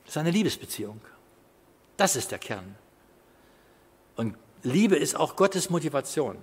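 A man in his fifties preaching a sermon in a conversational way, with quiet asides and loud bursts of emphasis. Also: fairly high pitch, sing-song, a little slow, slightly rough. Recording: hall with long reverb.

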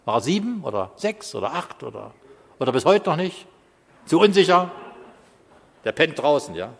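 A man in his fifties preaching a sermon in a conversational way, with quiet asides and loud bursts of emphasis. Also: on the high side, big pitch swings, moderate pace, vocal fry. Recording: hall with long reverb.

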